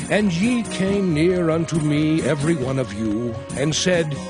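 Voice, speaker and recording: A man lightly acts the part of Moses, an aged and solemn male prophet and leader, his voice a little high. His dramatic scripture narration moves slowly and solemnly, recorded in a studio with music behind it.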